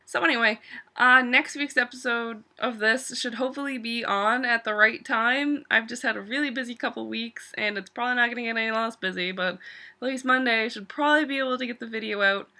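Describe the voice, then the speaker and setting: Woman vlogger ranting about an episode, bright sharp voice, swears a lot, says like constantly. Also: on the high side, fairly quick. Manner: gushing, profane, heavy use of "like". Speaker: TV episode reviewer. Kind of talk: casual vlog review.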